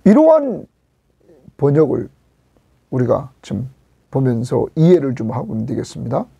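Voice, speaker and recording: Gravelly husky Korean pastor preaching. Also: male voice, mid-range voice, moderate pace, mellow, no echo. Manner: emphatic, rises sharply on questions and drops to a near whisper at line ends. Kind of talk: expository sermon.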